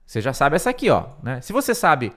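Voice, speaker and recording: In an informal online English lesson, a man with a Brazilian Portuguese accent explains things step by step and slowly repeats words so learners can catch the pronunciation. His voice sits on the high side, swings hugely in pitch, and sounds a bit bright. He's recorded on a close microphone at home, in a room with a window.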